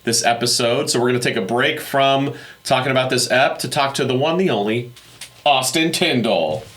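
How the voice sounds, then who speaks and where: A man's voice: medium pitch, normal speed, a bit bright. A man co-hosting a casual podcast, easygoing and steering the segments. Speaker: podcast co-host, voice actor. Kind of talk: casual chat.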